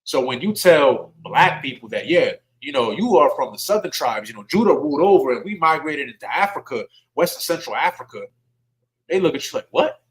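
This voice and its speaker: Reading from scripture, this religious-service teacher preaches informally, asking the audience questions and saying things like "y'all." He talks fairly quickly in a slightly high voice with lively intonation, and the audio is poor.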